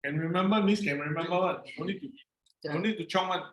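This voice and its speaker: A man's voice: high-pitched, fast, a bit bright. A man with a Singaporean accent giving casual, encouraging step-by-step instructions in short repeated phrases. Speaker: instructor guiding a player through a brain game. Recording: roomy, echoing sound.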